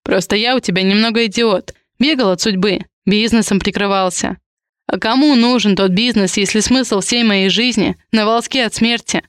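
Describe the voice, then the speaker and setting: A woman's voice: medium pitch, moderate pace, smooth, dry recording, clean studio sound, natural voice. A woman voicing a blunt, possessive tough guy. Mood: gruff. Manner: blunt, clipped, slangy lines. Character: tough, possessive young man, blunt and protective.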